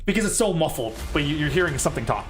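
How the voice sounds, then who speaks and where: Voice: mid-range voice, lively intonation, rapid-fire, over music. A game master casually narrating a tabletop role-playing game, with frequent hesitations.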